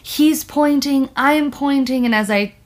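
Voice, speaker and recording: A young woman co-hosting a podcast, telling stories in an informal, expressive, conversational way. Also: high-pitched, unhurried. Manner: informal, expressive storytelling with swearing. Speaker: podcast co-host. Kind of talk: casual podcast chat and storytelling.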